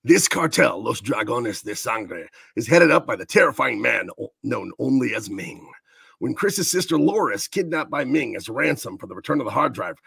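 A man putting on the voice of a dramatic male movie trailer announcer, reading in a slow, booming, theatrical way. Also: vocal fry, a bit bright, husky, dry recording, heavily acted. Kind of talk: mock trailer narration.

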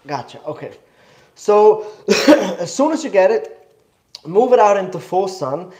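A young Swiss man with a slight cough eagerly teaches bonsai in a live demo in an indoor studio, rambling and correcting himself. His high-sitting, slightly mellow voice has lively intonation and a measured pace, and the sound is roomy.

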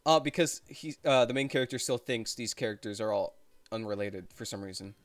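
A woman's voice: rumbling low, fairly quick, dry recording. A woman streaming a game, chatting casually and reading narration aloud, often hesitant and searching for words.

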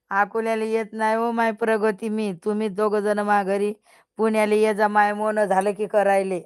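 An older woman chats slowly on a live stream, teasing and scolding her viewers. Her voice is smooth and clear, set at an ordinary middle pitch. The sound is close and dry. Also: level tone, no echo. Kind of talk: casual live-stream chat.

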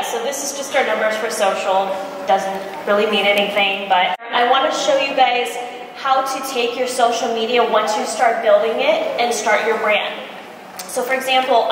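A cosmetics brand founder from Michigan gives an informal, chatty entrepreneur talk on stage in a large indoor expo conference room, her voice fairly high. She tells lively anecdotes with acted-out quotes into a handheld mic through the PA. Recorded from the audience, the hall is very echoey with faint background noise.

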